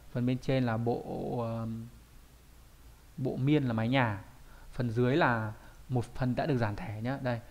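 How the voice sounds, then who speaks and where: In a recorded online lesson, a man with a medium-pitched voice explains kanji in a relaxed, conversational style, repeatedly dropping in rhetorical questions and small tag questions.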